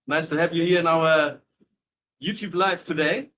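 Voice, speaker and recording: A man from Germany hosts a casual live-stream Q&A about hotel entertainment jobs, friendly and full of fillers and restarts, repeating words as he reads comments. His voice is a little high and fairly bright at normal speed, with a little hiss or hum.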